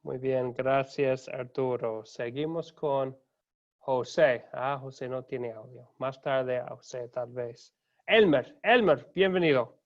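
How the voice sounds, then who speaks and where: Unhurried pastor on a lo-fi call. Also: male voice, medium pitch. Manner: calm, courteous, welcoming each student by name. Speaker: pastor hosting an online class. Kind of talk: unhurried roll call of students. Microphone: video call. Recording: dull lo-fi video call audio.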